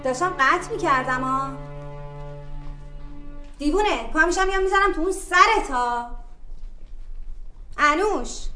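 An actress playing a chatty young woman on the phone who turns defensive and pleading. She talks quickly and with emphasis. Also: sits high, animated, pushed and bright. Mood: irritated. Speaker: film character on a phone call. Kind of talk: feature-film dialogue. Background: film score music.

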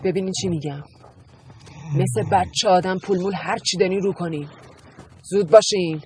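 A woman's voice: lowish voice, warm tone, close to an everyday voice. Actress playing a young knife-wielding robber woman. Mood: threatening. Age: young adult. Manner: threatening, then pleading. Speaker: secretary turned robber. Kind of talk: comedy film acting. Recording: noisy film audio.

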